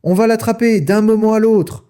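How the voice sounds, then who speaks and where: A man voicing a fat, furious farmer who yells at his helpers in a raised, strained voice. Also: high voice, normal speed, pitched above the performer's own voice, close to an everyday voice. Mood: shouting. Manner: shouting, bullying.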